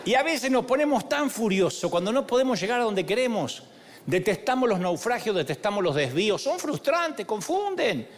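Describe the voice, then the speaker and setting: Animated, high-voiced male preacher. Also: moderate pace, a little hiss or hum. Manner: humorous, animated storytelling with acted-out voices. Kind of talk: sermon.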